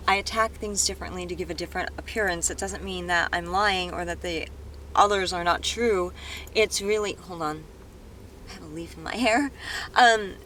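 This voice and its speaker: A woman dance vlogger speaking unscripted to her viewers, earnest and rambling, stopping and restarting her thoughts in a room with an open window. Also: medium pitch. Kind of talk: unscripted vlog monologue. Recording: loud street noise in the background.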